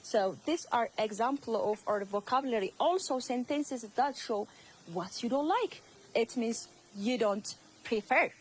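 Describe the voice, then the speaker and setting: Slow-speaking woman teacher with Ethiopian accent. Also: fairly high pitch, animated, slight background noise, poor audio. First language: Amharic. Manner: slow, repeats words, addresses students. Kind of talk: classroom English lesson.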